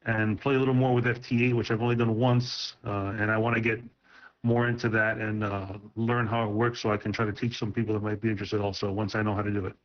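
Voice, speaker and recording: A man's voice: on the low side, level tone, fast. A man checking in to an amateur radio net over a ham radio transmission. He gives his call sign in phonetic radio procedure, then chats casually. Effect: heard over a ham radio transmission. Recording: dull lo-fi radio audio.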